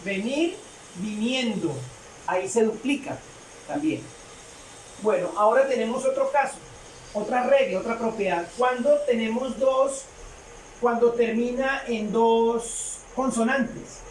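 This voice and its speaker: Slow, hesitant woman teaching, echoey room. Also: fairly high pitch, a little mellow. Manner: hesitant, repeats phrases with fillers. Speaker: English teacher. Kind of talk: slow classroom explanation. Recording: echoey room, distant mic, faint noise.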